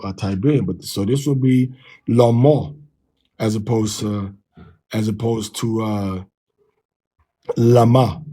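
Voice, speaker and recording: A man teaching from a text, sounding out syllables slowly and repeating them. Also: lowish voice, dark tone, breathy edge, rough recording. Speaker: teacher of a language lesson.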